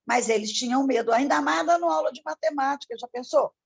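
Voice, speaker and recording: A woman's voice: sits high, fairly quick, creaky, lo-fi sound. A middle-aged woman, a former math teacher, speaking expressively in a casual study group discussion. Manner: expressive, storytelling, talks about her loud teaching voice.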